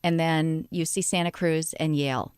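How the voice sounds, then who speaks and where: A woman's voice: low-pitched, fairly even intonation, normal speed, a little mellow, clear, resonant tone, no room sound, clean studio sound. A woman hosting a public radio interview in a conversational manner. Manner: public radio host delivery.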